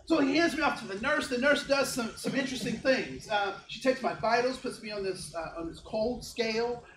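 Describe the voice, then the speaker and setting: Speaking briskly in an extremely high-pitched voice, an Ohio man in his fifties runs a workshop as a diversity trainer. He jokes, keeps it interactive, and frequently checks in with the live audience, while the echoey room carries a faint hum.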